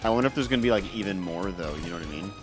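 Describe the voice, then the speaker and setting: A man's voice: low-pitched, racing, over loud music. A man co-hosting a podcast, chatting playfully in a casual reaction. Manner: animated, playful, makes sound effects. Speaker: podcast co-host.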